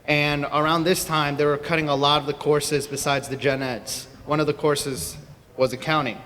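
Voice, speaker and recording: A man's voice: a little high, steady tone, moderate pace, a bit bright. A young man from Peru giving an earnest personal talk to a convention audience, telling his story with frequent fillers. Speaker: speaker at a convention. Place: convention hall. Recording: distant mic in a reverberant hall.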